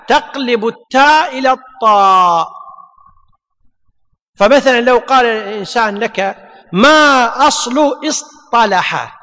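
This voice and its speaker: A man's voice: very high-pitched, bright, forceful tone. A man teaching a grammar lesson, repeating his points and asking and answering his own questions. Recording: long hall reverb.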